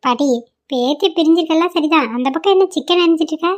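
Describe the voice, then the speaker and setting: Cartoon: quick, high, teasing granddaughter, a woman voicing her.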